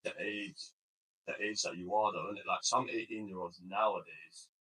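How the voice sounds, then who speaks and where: A man's voice: deep voice, steady tone, normal speed, sharp tone, husky, low-quality recording. A man, hosting a podcast in a casual, slangy, colloquial way. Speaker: podcast host.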